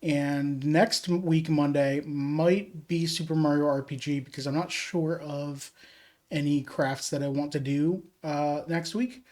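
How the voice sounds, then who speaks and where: A casual streamer talks slowly and easily, dropping filler words while chatting to viewers. The mic has been pulled off its stand, so every word comes through echoey and hollow, as if from across a room. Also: medium pitch, steady tone, darkish tone. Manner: easygoing and chatty, with many "uh" fillers. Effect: echoey, roomy sound from a mic off its stand. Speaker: livestreamer. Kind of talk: casual livestream chat. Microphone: desk mic moved off its stand for crafting. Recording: echoey room, mic set away from the speaker.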